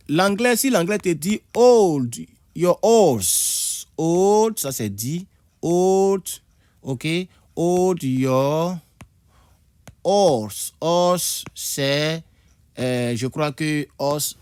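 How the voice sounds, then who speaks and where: Man teaching idioms, dry close sound. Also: no echo. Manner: repeats words, jumps high to act out English phrases. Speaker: English teacher. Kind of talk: video lesson explaining idioms. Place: indoor room with a board.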